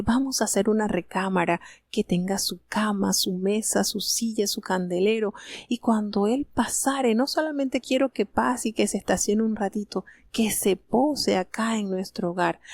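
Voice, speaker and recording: Female Bible commentator, gravelly texture, dry close sound; retells scripture and speaks the characters' lines, with gentle explanatory asides. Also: medium pitch, no room sound.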